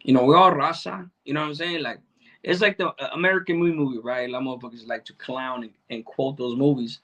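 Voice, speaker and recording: Speaking quickly in a bright, forceful voice of medium pitch and steady tone, a middle-aged man answers his livestream chat. Raised in Chicano neighborhoods and of Salvadoran origin, he keeps it casual, slangy, and profane, often saying things more than once.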